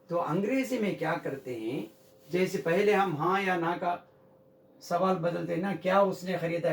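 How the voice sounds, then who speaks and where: Man, English teacher, high gravelly voice, echoey room, mic far off. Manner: slow, repeats example sentences. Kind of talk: whiteboard grammar lesson.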